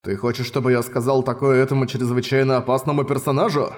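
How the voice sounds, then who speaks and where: A man's voice: mid-range voice, flat delivery, quick pace, natural voice. A man reading the lines of a blunt, exasperated young man worn out by night work, in an audiobook. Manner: blunt, irritated, sarcastic.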